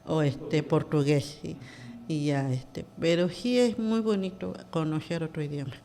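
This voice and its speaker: A woman's voice: low voice, a little slow, dark tone. A woman, talking as a podcast guest in a hesitant way, full of fillers and restarts. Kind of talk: casual interview talk.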